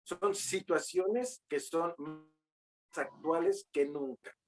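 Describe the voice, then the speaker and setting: Male moderator, unhurried, filler-heavy, jokes with the audience. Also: a little high, darkish tone, soft background music, poor audio. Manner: slow, drawn-out, filler-heavy, joking asides. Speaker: forum moderator. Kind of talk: moderating an online legal forum.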